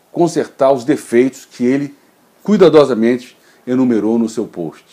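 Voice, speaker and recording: A man's voice: mid-range voice, mellow. A man in his forties hosting a daily tech news video from his home office, talking informally and gesturing, recorded on a desk webcam.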